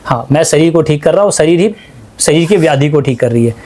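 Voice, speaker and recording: This man's voice leans high and darkish, and his delivery is animated and quick. He's an ayurvedic practitioner giving earnest testimonial talk in a small clinic, repeating himself with emphatic insistence.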